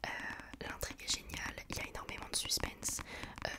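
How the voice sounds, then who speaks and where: A woman whispering softly as an ASMR host, presenting and reading from a book in an informal way. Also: fast talker.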